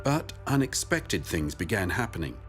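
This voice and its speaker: A man's voice: low-pitched, very animated, normal speed. A man reading scripted documentary narration as the narrator. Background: music.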